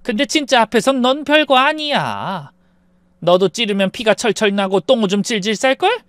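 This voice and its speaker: A man voicing a calm, menacing middle-aged mother who talks slowly and softly in a Korean story narration. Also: mid-range voice, dry recording, clean studio sound, pitched above the performer's own voice, natural voice. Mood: coldly menacing. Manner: slow, soft and chillingly calm.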